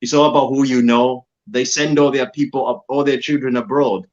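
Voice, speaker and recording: A man's voice: mid-range voice, steady tone, a little fast, lo-fi sound. A man from Zambia appearing as a guest, making an earnest, emphatic appeal and repeating his key phrases. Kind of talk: political appeal on an online talk show.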